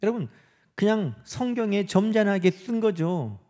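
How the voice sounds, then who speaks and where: A middle-aged man preaching a sermon. His voice sits high, and its pitch rises and falls a great deal. He acts out the lines he quotes and sometimes sinks to a whisper. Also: a little slow. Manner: animated preaching, acting out quoted speech, dropping to whispers. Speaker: pastor.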